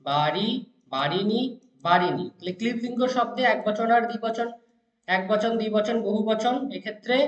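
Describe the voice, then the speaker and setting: A man with a high voice teaches a class, chanting word forms slowly and answering his own questions. The sound is dull and lo-fi, in an echoey room. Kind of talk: lesson reciting word forms.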